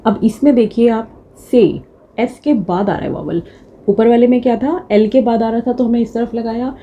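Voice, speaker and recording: A woman's voice: on the high side, steady tone, normal speed, lo-fi sound. A young woman teaching a shorthand class, patiently explaining step by step and mixing in English terms. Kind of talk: classroom lecture.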